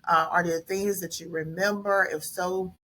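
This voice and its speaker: A woman's voice: fairly low pitch, fairly even intonation, moderate pace, sharp tone, slight background noise. A middle-aged woman hosting a podcast, talking casually with her nieces, with many fillers and restarts. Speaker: podcast host. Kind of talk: casual family conversation.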